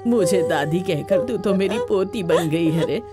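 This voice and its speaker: A woman's voice: on the low side, a little slow, loud music behind the voice, natural voice. An actress dubbing a scolding, kind-hearted old village grandmother, who talks in a protective way. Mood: tender. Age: older.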